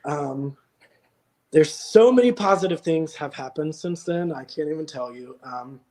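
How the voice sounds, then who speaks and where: Earnest man pausing to reflect. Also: on the high side, darkish tone. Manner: earnest, reflective, many hesitations. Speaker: guest. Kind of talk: casual chat. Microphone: video call.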